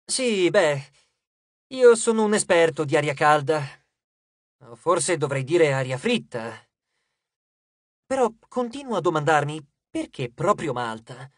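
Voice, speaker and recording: A narrator voicing a brash, joking teenage boy who talks loudly with forced cheer in an audiobook. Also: mid-range voice, no room sound, clean studio sound.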